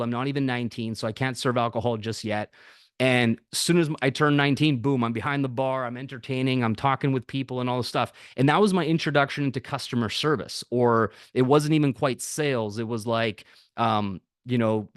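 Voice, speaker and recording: A man in his thirties telling stories from his working life in a casual, animated way, swearing often and laughing as he goes. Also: medium pitch, no echo, clean studio sound. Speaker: podcast guest. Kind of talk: casual storytelling.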